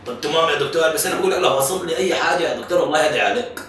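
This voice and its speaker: A man's voice: fairly high pitch, racing, fairly bright tone, slight background noise. A man voicing an insistent, complaining Sudanese caller with a Sudanese Arabic accent in an improvised prank call. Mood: exasperated.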